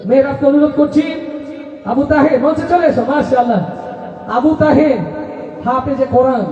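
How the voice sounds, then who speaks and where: A man's voice: extremely high pitch, moderate pace. A man announcing on stage at a religious gathering, calling out to the crowd in rousing, half-sung lines. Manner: sings lines, chants, calls out to the crowd. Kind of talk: rousing stage hosting with chanted calls. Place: outdoor religious gathering with loudspeakers. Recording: echoey outdoor PA sound, far off, dull.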